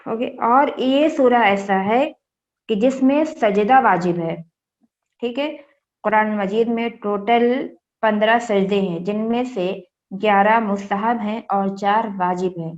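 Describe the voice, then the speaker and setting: A woman from India teaching Quran recitation. She spells each word slowly, syllable by syllable, and then recites the whole verse. She quizzes her students patiently and mixes English words into her explanations. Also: medium pitch. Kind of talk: Quran recitation lesson, spelling out letters and vowels. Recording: muffled lo-fi audio.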